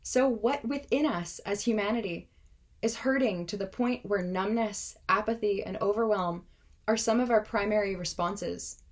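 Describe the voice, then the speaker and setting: Earnest and impassioned, a woman in her twenties gives a prepared speech in a steady, measured way. Russian is her native language, and her voice is mid-range.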